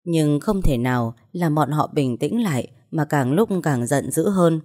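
A woman's voice: deep voice, expressive, a little slow, a little mellow. A woman telling a scripted first-person story in an earnest, emotional way.

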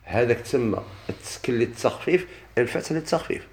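A man's voice: mid-range voice, lively intonation. Moroccan guy teaching a class, quizzes students, sounds echoey w/ a little background noise. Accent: Moroccan Arabic. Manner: quizzes students, chants verses slowly. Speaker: Quran recitation teacher. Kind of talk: lesson explaining a classical text. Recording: echoey room with faint noise.

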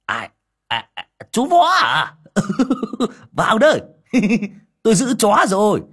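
A man voicing a scrawny, jovial old village man who talks loudly in a husky voice. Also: huge pitch swings, unhurried, exaggerated voice. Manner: booming, laughing, reassuring.

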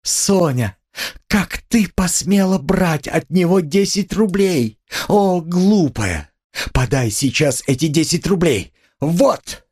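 A man's voice: fairly high pitch, lively intonation, slow, darkish tone, husky, voice pushed up, full character voice. A man voicing a proud, destitute middle-aged woman, hysterical and scornful, in an audiobook. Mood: outraged. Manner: shrieking, frantic, scornful. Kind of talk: audiobook character voice.

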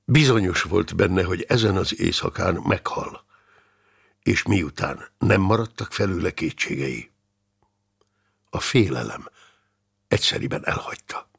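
Gravelly-voiced male audiobook narrator. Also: sits low, long pauses. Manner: dramatic, expressive reading.

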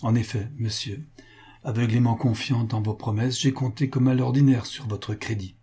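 A man's voice: medium pitch, fairly even intonation, normal speed, warm tone, slightly rough. A man doing a sobbing ruined merchant. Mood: anguished. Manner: sobbing, stammering, anguished. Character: ruined, desperate male merchant, a father.

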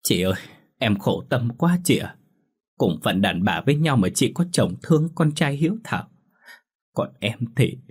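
A man's voice: lowish voice, lively intonation, moderate pace, husky. A man voicing a jealous young wife who pleads through sobs in a ghost story audiobook. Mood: tearful pleading. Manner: pleading, sobbing complaints. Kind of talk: audiobook character voice.

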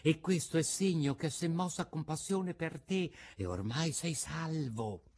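A man doing a hushed whispering harlequin puppet. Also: fairly high pitch, unhurried, voice pushed up. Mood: hushed relieved. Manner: hushed, conspiratorial. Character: male harlequin puppet, whispering good news.

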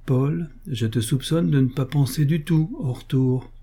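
Audiobook: man voicing an earnest young soldier, dark and husky. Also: medium pitch, a little slow, voice pushed up.

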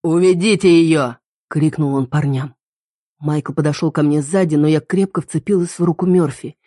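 Low mellow woman reading a story. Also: level tone, moderate pace, dry recording, studio quality. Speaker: reader. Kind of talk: first-person story reading.

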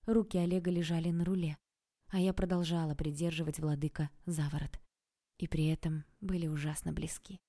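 A woman's voice: sits low, mellow. A woman narrating a first-person audiobook expressively, acting out the dialogue.

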